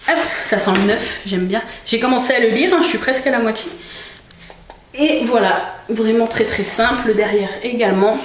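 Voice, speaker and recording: A woman's voice: a little high, normal speed. Chatty young woman in echoey room. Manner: chatty, many fillers and restarts. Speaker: vlogger. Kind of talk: casual vlog, showing items to camera. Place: room at home. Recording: echoey room with faint noise.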